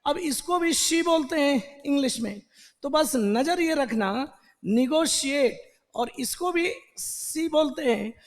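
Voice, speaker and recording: Slow, high-voiced Indian teacher. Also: male voice, animated, big-room sound. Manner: slow, drawn-out syllables, teacherly repetition. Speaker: English teacher. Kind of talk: online exam-prep lesson.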